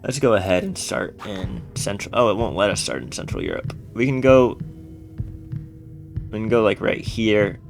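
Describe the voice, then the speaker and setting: A man with a fairly low voice gives casual commentary on a strategy game, planning out loud. He reads the on-screen text as he goes, with faint music playing behind him. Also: big pitch swings, normal speed, gravelly. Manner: thinking aloud, loosely planning moves. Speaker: let's play streamer.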